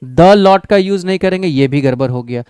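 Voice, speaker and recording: A man teaching an exam-prep English grammar lesson with an Indian accent, often checking in with his class and reading English sentences out slowly. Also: on the high side, expressive, darkish tone, clear, resonant tone, dry recording, faint music behind. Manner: checks in with the class, calls students "babu" and "bhai".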